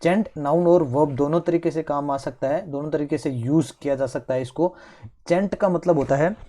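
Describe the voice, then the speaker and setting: A man with an Indian English accent teaching English vocabulary in an online lesson. He explains word roots step by step in Hindi mixed with English and fills pauses with "theek hai". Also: fairly high pitch, mellow.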